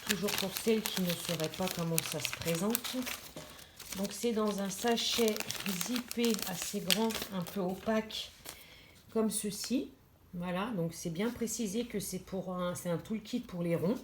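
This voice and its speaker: A woman's voice: mid-range voice, unhurried. A woman talks casually through an unboxing, hesitant and chatty, full of fillers and restarts. Her voice rings in an echoey room with plain background noise. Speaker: diamond painting vlogger. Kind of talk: casual unboxing chat to camera.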